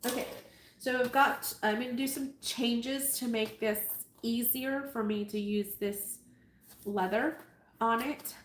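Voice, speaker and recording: A woman with a slightly high, stuffy, nasal voice hosts a casual live sewing tutorial, keeping a steady tone and a measured pace. She greets her viewers in a chatty, self-amused way. The room is echoey, with faint noise in the background.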